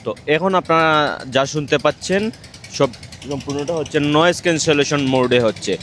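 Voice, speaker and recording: A man giving a casual gadget review outdoors on a riverbank. He speaks up loudly over the noise through a wireless clip-on mic, and his voice carries noise-reduction artifacts from the mic's noise cancellation. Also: a little high, normal speed. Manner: relaxed, with frequent hesitation fillers. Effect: processed by the mic's noise cancellation, with noise-reduction artifacts. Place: outdoors on a noisy riverbank with boat engines.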